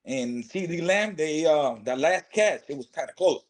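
A man co-hosting a casual sports podcast, offering opinions in a halting way with many pauses. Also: a little high, expressive. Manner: halting, with many fillers and restarts. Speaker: co-host.

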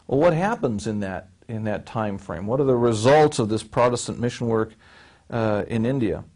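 A man in his forties explains history in a measured, lecture-like interview answer, with frequent fillers and restarts, seated in a small studio with a close mic. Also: fairly low pitch, lively intonation, a little mellow. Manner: gestures with his hands while speaking. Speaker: seminary professor answering questions. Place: small studio set with a wood-panel backdrop, seated.

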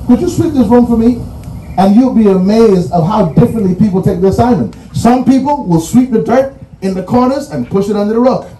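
A man's voice: sits high, a little fast, dark tone, a little hiss or hum. A man with a Bahamian accent giving a commencement address in a preaching cadence, stressing his points and repeating key phrases. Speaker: commencement speaker. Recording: roomy echo, distant mic, faint music.

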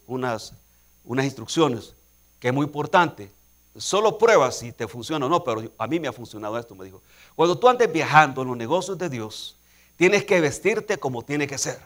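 A man preaching a sermon, telling a personal story and building to emphatic, repeated calls to action. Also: medium pitch. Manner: preaching with rising, emphatic repetition; quietly acts out dialogue in anecdotes.

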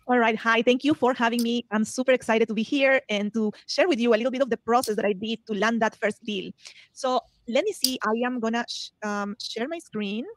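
A woman's voice: on the high side, brisk. A woman from Peru giving a webinar presentation on real estate, talking eagerly with many fillers over a computer mic, in a recording that is played sped up.

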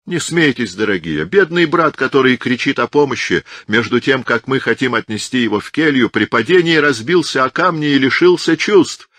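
A man's voice: medium pitch, lively intonation, normal speed, hardly any pauses, fairly bright tone, no echo, pitched above the performer's own voice. A man voicing a hypocritical male monk who speaks in a falsely humble, unctuous way. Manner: unctuous, mock-meek.

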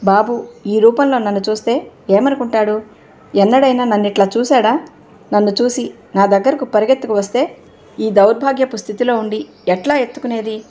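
A woman's voice: a little high, a little fast, warm tone, dull audio, natural voice. A woman reading as a grieving drunk father. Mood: sorrowful. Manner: sorrowful self-reproach. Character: drunk grieving young father, self-reproaching man.

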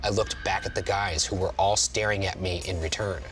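Low-voiced man reading over music. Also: steady tone, brisk, a bit bright. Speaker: host and story reader. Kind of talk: horror story reading and casual chat. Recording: music playing underneath.

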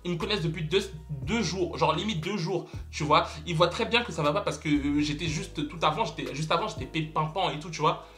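A man's voice: a little high, a little fast, hardly any pauses, fairly bright tone, soft background music. A young man telling a story to camera in a casual vlog, dramatic and exclamatory, repeating words for emphasis. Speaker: vlogger.

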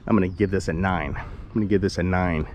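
This vlogger, a man in his forties, has a deep voice and a steady tone and talks fast, though the audio sounds dull. He rambles and jokes in chatty self-talk during a casual walking tour of a sunny residential street, holding an action camera at arm's length. Passing cars and general street ambience fill the outdoor recording.

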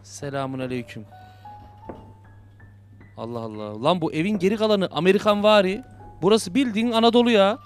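A man's voice: sits high, animated, fast, faint music behind. A young man commenting on a horror game he plays, joking and muttering to himself and yelping when startled. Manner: jokey, talks to himself, muttering then yelping in fright. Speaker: gaming YouTuber.

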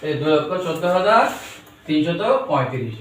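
Man, math teacher, coaxing, repeats questions, somewhat high voice, echoey room, mic at a distance. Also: animated, fairly quick, faint music behind. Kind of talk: classroom math lesson.

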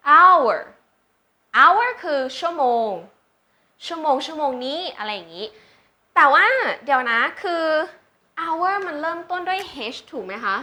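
Woman tutor, high bright voice, slow and patient, drills example words. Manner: patient, checks understanding with questions; drawn-out English words for learners to repeat. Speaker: English tutor. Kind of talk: slow teaching with example sentences.

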